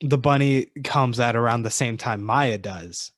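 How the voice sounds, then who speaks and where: A man's voice: mid-range voice, unhurried, fairly bright tone, no room sound, studio quality. A man co-hosting a podcast in casual chat, hesitant, with many fillers. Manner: hesitant, lots of likes and ums. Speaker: podcast co-host.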